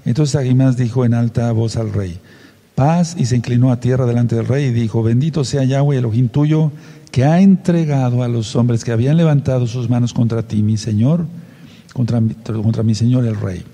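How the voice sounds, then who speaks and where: Leading a Bible study, a man reads from scripture and stops now and then to explain it and quiz the people listening. His voice is warm and medium in pitch, his speed is normal, and the space sounds large.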